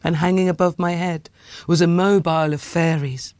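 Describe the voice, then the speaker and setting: A woman reading a personal story aloud in a measured, intimate way. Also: lowish voice, fairly even intonation, a little mellow, dry recording.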